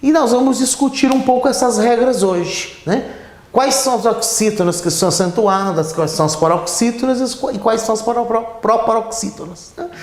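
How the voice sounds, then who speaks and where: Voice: mid-range voice, moderate pace. A teacher explaining grammar at a whiteboard, often checking in with "né?" and drawing words out while writing. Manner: explanatory, frequent "né?" tag questions, stretches words when writing. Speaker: Portuguese teacher. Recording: echoey room.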